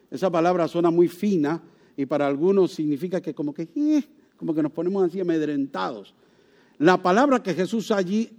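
Delivering a sermon, this male pastor fires rhetorical questions at the congregation, his pitch and volume swinging broadly to drive his points home.

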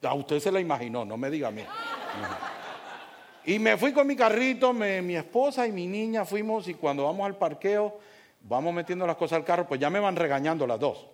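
Animated storytelling pastor, a man. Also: sits high, fairly quick, slight background noise. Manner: animated, acts out dialogue, talks directly to congregation. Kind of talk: humorous sermon storytelling.

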